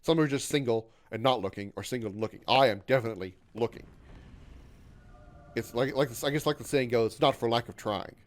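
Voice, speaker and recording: Streaming a game, a man in his mid-thirties chats casually with viewers in an ordinary middle-pitched voice, speaking a little fast. He sounds glum, knocks himself, rambles back over the same points and keeps tripping over his words.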